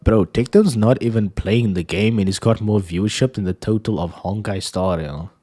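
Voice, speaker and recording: His nose blocked by a sinus cold, a man streams and casually kids around about games, addressing the listener as "dude" and "bro." The voice is fairly low and mellow, moving at a moderate pace.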